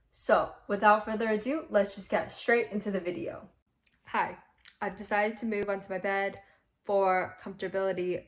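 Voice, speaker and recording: Young woman reviewing books, chatty. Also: medium pitch. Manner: chatty, laughs at her own slips. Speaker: book vlogger. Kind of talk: casual book review vlog. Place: on her bed at home.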